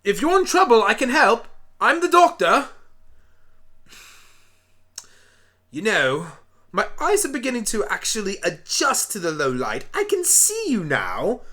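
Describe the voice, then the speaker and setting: A performer voicing a frantic, excitable alien Doctor turned talking pony in a hobby radio play, chattering away in exclamations. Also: mid-range voice, moderate pace, pitched above the performer's own voice, exaggerated voice. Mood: calling out, indignant.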